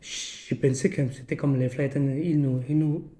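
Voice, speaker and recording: A man hosting a casual podcast in French as a second language, with a foreign accent and halting, searching phrasing peppered with English words. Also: on the high side, steady tone, dark tone. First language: not French. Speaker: podcast host.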